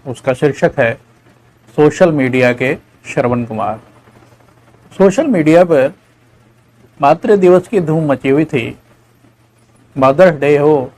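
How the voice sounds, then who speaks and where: A man's voice: mid-range voice, darkish tone, rough recording. A man hosting his own channel, narrating a satirical story in a mock-solemn way.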